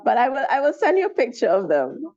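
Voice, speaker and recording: A woman talks casually in an online class. Her voice is high yet very soft-toned and mellow, over slightly muffled call audio. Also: huge pitch swings, fast talker, no room sound. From Saint Vincent. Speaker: course participant, backyard grower.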